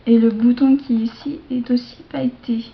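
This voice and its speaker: A woman showing off a shopping haul to her viewers in a casual show-and-tell, hesitant, with many fillers and self-corrections, slipping into soft asides. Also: a little high, steady tone, a little hiss or hum. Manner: slow, chatty, drops into soft asides. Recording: dull lo-fi home video sound.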